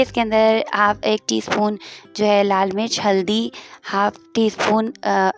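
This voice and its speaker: A woman hosting her own cooking channel, walking through a home recipe step by step and repeating instructions as she stirs. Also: mid-range voice. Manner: homely, repetitive step-by-step instructions.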